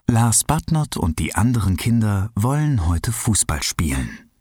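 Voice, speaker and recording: A man reading a children's story aloud in an expressive, unhurried way. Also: husky, no room sound, studio quality. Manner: expressive, unhurried, lively pitch.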